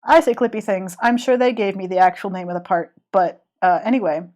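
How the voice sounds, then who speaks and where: A woman's voice: mid-range voice, fairly quick, a little mellow. Woman with a cold, rambling stream chat while drawing, lots of restarts. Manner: rambling, chatty, many restarts and fillers. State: has a cold. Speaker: live-streaming illustrator.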